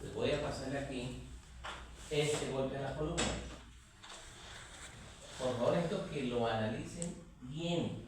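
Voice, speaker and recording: A man's voice: mid-range voice, measured pace, pauses often, recorded from a distance, noisy background. Colombian man lecturing in an echoey classroom. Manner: animated, quizzing students, telling anecdotes. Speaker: anatomy lecturer. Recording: echoey classroom recorded from afar.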